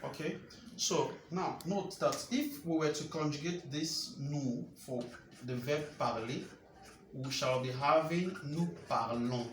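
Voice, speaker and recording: A man with a somewhat high voice teaches French verb rules step by step. He repeats key points and checks in with rhetorical questions. The room is echoey, with a faint hum of ambience behind him. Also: slow pace. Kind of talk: explaining grammar lesson.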